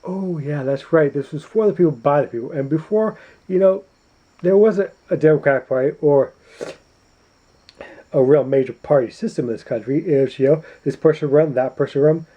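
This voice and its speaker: A man giving a preachy, emphatic political rant to camera at home at night, clearing his throat often. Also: on the high side, moderate pace, dull audio. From United States. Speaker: YouTuber. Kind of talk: opinionated political vlog rant.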